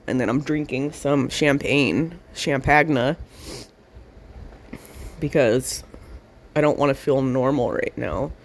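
Slow, rambling woman on a handheld voice recorder. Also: rumbling low, a little hiss or hum. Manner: rambling, profane, slow with long pauses. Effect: handheld voice recorder held to the mouth. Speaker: audio diary host. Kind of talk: casual spoken audio diary. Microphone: handheld voice recorder close up.

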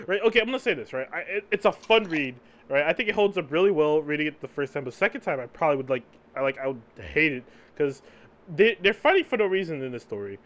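Talking fast with big pitch swings, this man's fairly high, slightly bright voice comes through lo-fi audio. He's co-hosting a podcast, casually discussing comic books, ending points with "right?" and laughing frequently in between.

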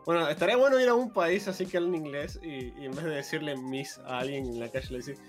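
A man's voice: a little high, fast talker, soft background music. A young man with an Argentine accent, chatting casually and slangily with friends, often restarting his sentences. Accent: Rioplatense Argentine Spanish. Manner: slangy, restarts often, says boludo a lot. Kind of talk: casual chat.

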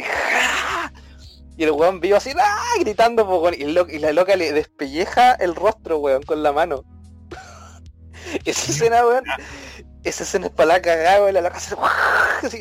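Chilean guy co-hosting a podcast, slangy and animated, voice on the high side, faint music behind. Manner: animated storytelling full of slang, acting out scenes. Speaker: podcast co-host. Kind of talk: casual chat.

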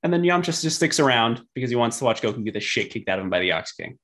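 A man's voice: mid-range voice, very animated, rapid-fire, a bit bright. A man co-hosting a casual chat podcast, laughing easily and chiming in with short agreeing replies. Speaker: podcast co-host.

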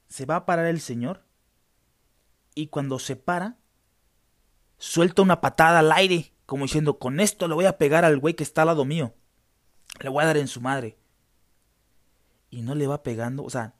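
A young Mexican man with a Mexican Spanish accent, telling a story in a casual, slangy way and acting out the voices of the people in it. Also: mid-range voice. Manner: animated, acts out quoted voices, slangy. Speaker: vlogger.

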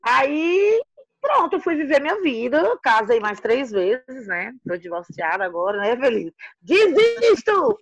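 A woman in her fifties with a Ceará accent, telling her life story in a casual interview, animated and acting out the voices of the people she quotes. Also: a little high, a little slow, no room sound, muffled recording. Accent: Northeastern Brazilian, from Ceará. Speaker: interviewee, mother and activist.

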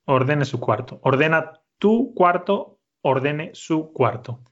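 Male language teacher, patient and clear, a bit high-pitched, muffled recording. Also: animated. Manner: patient, slow and clear, repeats answers. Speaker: Spanish teacher. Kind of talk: conversational language lesson.

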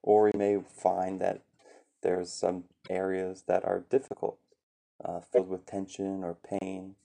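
A man leading a meditation session in a calm, gentle teaching voice with some fillers. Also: low voice, unhurried, vocal fry. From USA. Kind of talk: calm guided meditation talk.

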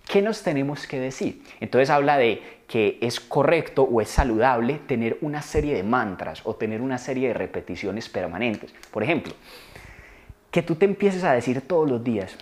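A man's voice: medium pitch, a little mellow. A man giving an earnest motivational self-help talk to camera, coaching viewers and repeating key phrases for emphasis. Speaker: motivational video maker.

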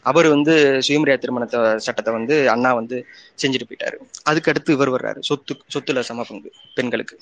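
A man's voice: mid-range voice, fairly bright tone. A man speaking in an online audio discussion, explaining in an earnest way and often restarting and repeating his phrases. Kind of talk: casual political talk.

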